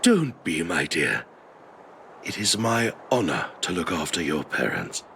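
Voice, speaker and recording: An actor playing a kindly older male caretaker who speaks slowly and courteously over game music. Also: deep voice, very animated, vocal fry, slight background noise, full character voice. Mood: gentle. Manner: slow, gentle and courteous. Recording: game score underneath.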